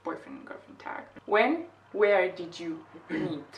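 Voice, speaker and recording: A woman's voice: lowish voice, animated, slow. A young Bulgarian woman in her twenties with a Bulgarian accent, chatting and asking questions in a casual couple video, laughing often. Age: 20s. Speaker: vlogger host. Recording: roomy echo, mic at a distance, faint noise.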